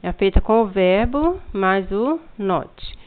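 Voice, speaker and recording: A woman's voice: medium pitch, expressive, slow, background noise. Woman teacher with a Brazilian accent. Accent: Brazilian Portuguese. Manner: patient, step-by-step explaining with frequent "look" prompts. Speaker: English teacher. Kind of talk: remote classroom lesson. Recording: tinny phone-like lo-fi sound.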